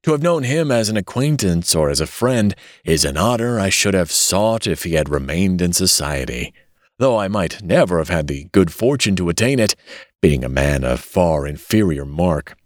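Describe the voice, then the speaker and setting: A man putting on a smooth, falsely sympathetic villain. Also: sits low, big pitch swings, normal speed, no room sound, clean studio sound. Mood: insinuating. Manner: soft, consoling, slyly sneering. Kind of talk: audiobook reading.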